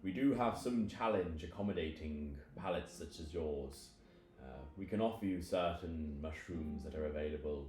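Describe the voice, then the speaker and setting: A man voicing a calm, courteous mushroom creature elder who speaks slowly and formally. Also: a bass voice, reverberant, soft background music, voice pushed down.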